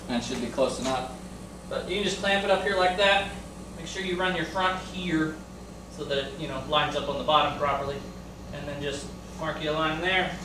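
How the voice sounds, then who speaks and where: This middle-aged man's voice is on the high side, and he sits far from the camera mic in his echoey garage, with background noise audible. A DIY vlogger, he walks through a woodworking build in a relaxed, casual, explanatory way, saying um frequently.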